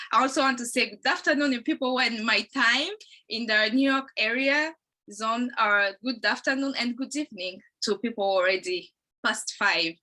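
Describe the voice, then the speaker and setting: A woman's voice: on the high side, sharp tone. A woman from Congo who grew up in Uganda, hosting an online program, rambling and correcting herself as she greets listeners. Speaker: host.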